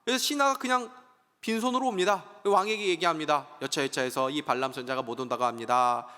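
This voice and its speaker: A man preaching a sermon as a pastor, telling a Bible story with lively storytelling and acted-out voices. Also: a little high, fast, long reverb tail. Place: church sanctuary.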